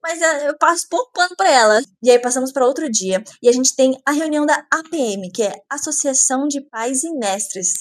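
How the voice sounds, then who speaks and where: A woman's voice: high voice, expressive, fairly quick, few pauses, no room sound. A woman, recapping a novel in a chatty way with sarcastic asides. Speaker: book reviewer. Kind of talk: casual book recap.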